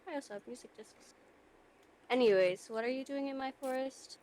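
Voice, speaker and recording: A woman with a high, slightly mellow voice speaks briskly while role-playing a shopkeeper in a game. Her delivery is dry and matter-of-fact, and she occasionally breaks character to swear.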